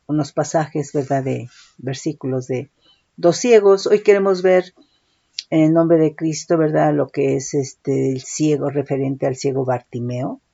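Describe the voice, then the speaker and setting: A woman's voice: low voice, warm tone. A woman preaching a sermon, often calling listeners "brother" and checking in with "right?". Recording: dull lo-fi recording.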